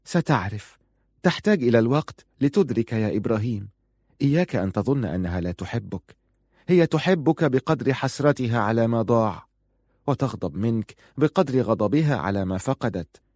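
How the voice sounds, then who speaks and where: A man's voice: medium pitch, expressive, fairly quick, darkish tone, no room sound, clean studio sound. Rashida, a man voicing a clever bold young wife. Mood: soft.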